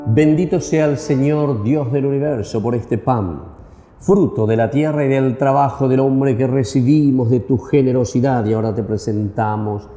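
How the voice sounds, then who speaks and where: A man's voice: mid-range voice, moderate pace, mellow, faint music behind. A man, a priest, preaching a homily and leading Mass prayers in an earnest, solemn way, his voice carrying a cathedral echo. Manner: earnest preaching, solemn liturgical chant-like delivery. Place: large church. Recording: echoey church hall with long reverb.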